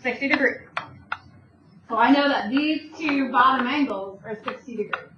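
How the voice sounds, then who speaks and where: A woman with a high voice teaches math, going step by step and answering the questions she asks the class. She sounds far from the mic in a roomy space. The recording is dull, with a faint hiss behind her. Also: normal speed. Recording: distant, dull, echoey room with faint noise.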